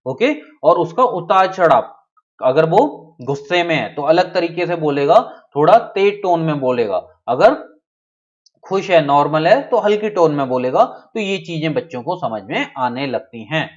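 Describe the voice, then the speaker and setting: Male teacher, slightly high voice, live online class, keeps asking if students follow and calls on them by name, dull lo-fi audio. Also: lively intonation, moderate pace. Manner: checks in often, reads out student names. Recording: dull lo-fi sound.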